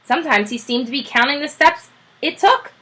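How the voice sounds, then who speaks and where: A woman teacher reads a children's chapter book aloud, telling the story in an expressive, animated way. Her voice is high and brisk.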